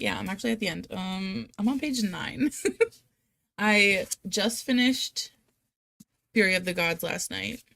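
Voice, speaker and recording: Here's a live stream host of reading sprints from Rhode Island, United States, whose mid-range voice carries vocal fry and a touch of brightness. Speaking with a Rhode Island accent, she runs a casual live chat in a talkative, giggly way, poking fun at herself and hamming up the drama.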